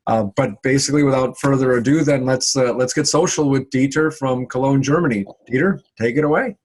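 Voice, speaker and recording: Husky man hosting a video call event. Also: mid-range voice, fairly quick, darkish tone. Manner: chatty, filler-heavy, repeats words. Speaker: event host.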